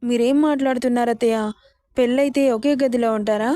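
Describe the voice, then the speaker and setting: A naive young bride-to-be , as a woman storyteller reads her, keeps asking innocent, pleading questions. The voice is fairly high and dry, recorded up close. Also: steady tone, a little fast, dark tone, no echo, close to an everyday voice. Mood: bewildered.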